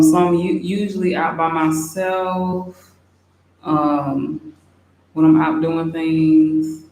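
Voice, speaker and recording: A young woman chatting casually, reading out and answering viewer questions in a relaxed way with many fillers. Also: lowish voice. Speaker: expat vlogger. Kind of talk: casual livestream Q&A. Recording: very echoey room, faint hiss.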